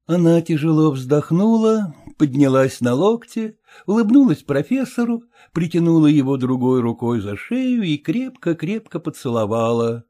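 A man narrating an audiobook in measured storytelling. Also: a little high, sing-song, mellow. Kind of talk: scripted narration.

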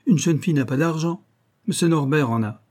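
A proud young noblewoman, as a male narrator puts her on, lifted in pitch from his reading voice. She speaks in indignant, cornered bursts, with a husky edge. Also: fairly quick, dark tone, natural voice. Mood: desperate.

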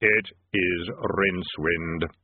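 A man voicing Death in a fantasy audiobook, a solemn, courteous grim reaper who speaks slowly and gravely. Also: low voice, fairly even intonation, dry recording, voice pushed down, full character voice. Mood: flatly insistent. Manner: grim reaper voice, slow, solemn, drawn-out delivery. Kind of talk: audiobook character voice in comic fantasy. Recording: band-limited, phone-like audio.

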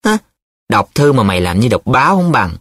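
A man's voice: mid-range voice, very animated, fairly quick, a bit bright, no echo, studio quality. A man playing Mẫn, a flustered young student. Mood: defensive. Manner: hesitant, defensive. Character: flustered, secretive young male student in love.

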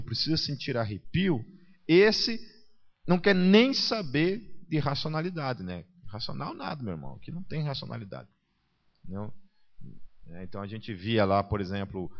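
A man with a Brazilian accent preaching a conversational sermon. He keeps checking in with his listeners and acts out the people he quotes. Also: medium pitch. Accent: Brazilian Portuguese. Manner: chatty, tags nearly every sentence with a question, acts out quoted people. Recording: muffled event recording.

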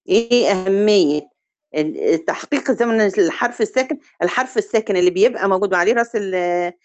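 A woman with an Egyptian Arabic accent teaching a recitation review lesson. She quizzes her students and stretches example words out slowly to demonstrate them. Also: medium pitch, darkish tone.

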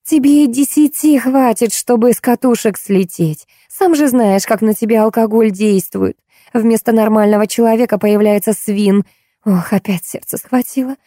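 A woman reading the lines of a weary middle-aged woman who patiently calms her quarrelsome companion, in an audiobook. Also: on the high side, moderate pace, no echo, clean studio sound, voice pushed up, lightly acted. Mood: exasperated. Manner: patient, then exasperated.

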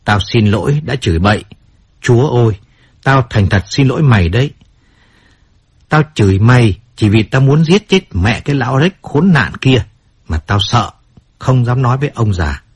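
A man's voice: medium pitch, expressive, moderate pace. A man reading the part of a washed-up male singer who curses bluntly and then apologizes, in a storybook audiobook. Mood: pleading, bitter. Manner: blunt, rough-spoken, swings between cursing and apology.

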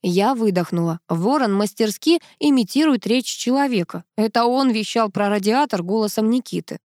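A woman reading an audiobook as a lively, ironic first-person storyteller. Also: on the high side, normal speed, no room sound, studio quality. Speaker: audiobook narrator. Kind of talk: scripted narration.

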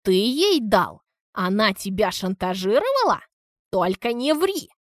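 A woman's voice: medium pitch, very animated, a little slow, dry recording, clean studio sound. A woman reading an audiobook, voicing an enraged older wife who screams insults. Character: furious older woman, shrill, hot-tempered.

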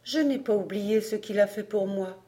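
A woman reading an audiobook, voicing a proud, guarded young woman who speaks quietly and with restraint. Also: mid-range voice, moderate pace, lightly acted. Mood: restrained.

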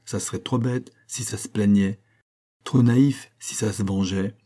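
A man's voice: fairly low pitch, steady tone, measured pace, dark tone. A man reading a bitter old friend. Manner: sarcastic, lecturing.

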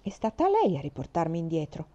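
A woman's voice: deep voice, wildly swooping pitch, a little fast, dark tone. A woman voicing a tough, boastful orphan girl of about twelve who talks in a brash, defiant way. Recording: slightly dull lo-fi recording.

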